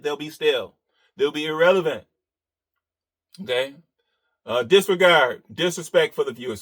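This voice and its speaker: Bright-voiced man delivering mocking commentary. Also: on the high side. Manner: sarcastic, mocking, chuckling at his own jabs. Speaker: reaction commentator. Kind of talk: reaction commentary.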